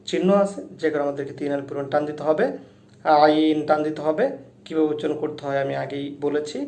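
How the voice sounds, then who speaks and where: A man teaches recitation, explaining each letter carefully and chanting each verse slowly and loudly. His voice sits fairly high but sounds mellow. The room around him is echoey. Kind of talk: slow step-by-step recitation lesson.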